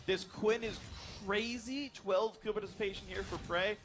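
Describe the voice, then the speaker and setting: A man casting a live video game match, joking and calling the action excitedly. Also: high-pitched, moderate pace. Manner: excitable, jokey play-by-play. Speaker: esports caster. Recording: commentary over loud game music.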